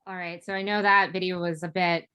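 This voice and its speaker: Casual woman, lowish voice. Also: flat delivery, fairly quick, pushed and bright, clean tone. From United States. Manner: casual, many fillers and restarts. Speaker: guest speaker. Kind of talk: webinar presentation.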